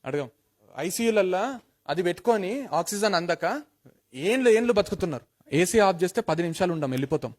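Give me an emphatic man with a Telangana accent telling a motivational story, high-pitched and quick. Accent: Telangana Telugu. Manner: animated, emphatic, repeats phrases for effect.

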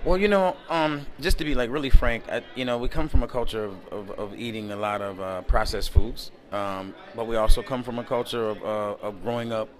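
A man answering interview questions in a relaxed, rambling way, full of fillers, recorded close to a camera indoors at a community event. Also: medium pitch, fairly quick, few pauses. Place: indoor event space by a window at night.

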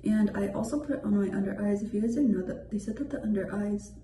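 A tired young woman rambles to her phone camera from a small hotel room. Her voice is mellow and a bit dark, and she leans on "like" a lot. The room adds a noticeable echo, with a faint hiss behind her. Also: medium pitch, fast talker. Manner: chatty, rambling, heavy use of "like". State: tired from lack of sleep. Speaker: vlogger. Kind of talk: casual vlog chat to camera.

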